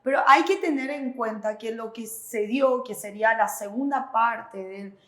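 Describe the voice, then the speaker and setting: High-voiced woman teaching, echoey room. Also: a little slow. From Paraguay. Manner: reassuring, step-by-step, switches to Korean terms. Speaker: Korean language teacher. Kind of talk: classroom explanation.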